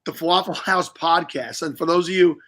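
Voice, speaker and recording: A man's voice: fairly high pitch, brisk, a bit bright. A middle-aged man hosting a casual livestream podcast, chatty and rambling with joking asides. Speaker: podcast host.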